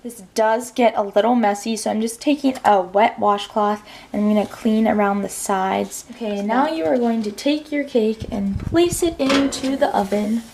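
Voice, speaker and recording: Young female cooking vlogger, casual and chatty, voice on the higher side. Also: normal speed, hardly any pauses, darkish tone. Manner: chatty, talks straight to viewers.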